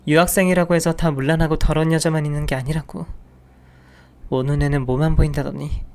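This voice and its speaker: A man's voice: a little high, little pitch movement, brisk, a little mellow, close to an everyday voice. A man voicing a betrayed wife who pleads and protests, read for a story radio segment. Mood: shocked. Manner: pleading, indignant. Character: hurt betrayed wife, pleading then shocked.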